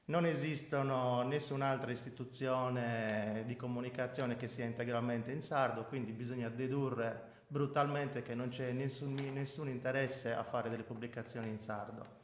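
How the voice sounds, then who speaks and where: A man in his forties from Sardinia, speaking as an interview guest. His pitch sits in a middle range and he drives his points home by repeating them. The recording carries a roomy echo. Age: 40s. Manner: emphatic, repeats points for weight. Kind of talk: radio interview answers.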